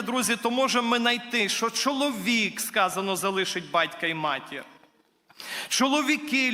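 A guest preacher with a high-sitting, sharp voice gives an earnest sermon in a church hall, building to emphatic declarations. He speaks to his listeners as brothers and sisters, and the room sounds reverberant.

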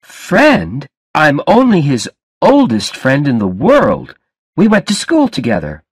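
A man voicing an unhinged, clingy young man with a soft, overfamiliar way of talking, in a read-aloud story. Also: fairly high pitch, huge pitch swings, slow pace, husky, no room sound, clean studio sound, pitched above the performer's own voice, exaggerated voice.

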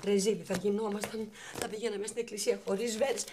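A woman's voice: mid-range voice, level tone, heavy background noise, close to an everyday voice. An actress playing a bride-to-be who bickers with her fiancé as they rush to buy rings. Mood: hurried. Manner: hurried, bickering. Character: flustered bride rushing to buy wedding rings. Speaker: actor in a TV comedy series. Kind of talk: sitcom acting.

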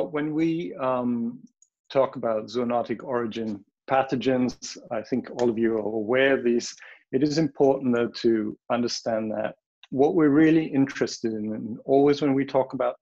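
A man giving a frank, opinionated conference talk over a video call, pausing often with ums. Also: medium pitch, a little mellow, dull audio. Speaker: panel speaker, wildlife health director. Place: home or office in the Bronx.

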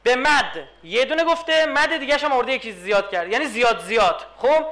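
Male lecturer, very high and bright voice, emphatic and rhetorical, working a live audience. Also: animated.

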